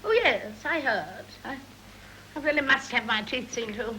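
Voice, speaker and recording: A woman's voice: a little high, lively intonation, moderate pace, sharp tone, poor audio. An actress playing a gushing, muddled, well-off English mother in a stagey 1930s film comedy, fluttery and fussy. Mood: excited, flustered. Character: gushing, socially ambitious wealthy mother, comically muddled. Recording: hissy early talkie film soundtrack.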